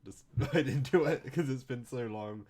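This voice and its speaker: A man's voice: mid-range voice, a little mellow. Man chuckling through a chat. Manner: halting, chuckles often. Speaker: let's play co-host. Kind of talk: casual chat.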